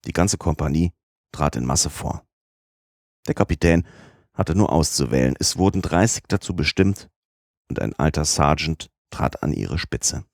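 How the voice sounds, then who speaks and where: A man narrating a classic adventure novel as an audiobook in a measured, even storytelling manner. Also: extremely low pitch, creaky, dry recording, studio quality.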